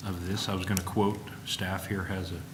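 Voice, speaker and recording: A man giving formal remarks as a commission member, with a halting delivery. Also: sits low, level tone. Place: public meeting room. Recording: echoey room, faint background noise.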